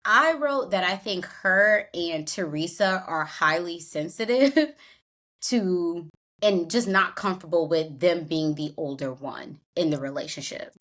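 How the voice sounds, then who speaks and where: Lower-voiced woman podcast co-host. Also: expressive, a little slow, fairly bright tone. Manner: recounts scenes, acts out quotes. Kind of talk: casual recap chat.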